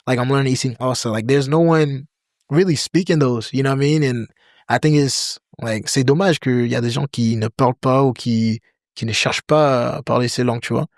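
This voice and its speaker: A young American man appears as a podcast guest in a casual interview, talking loosely with "like" and "you know" everywhere and dropping into other languages. His medium-pitched voice runs a little fast, and the mic is dry with no echo.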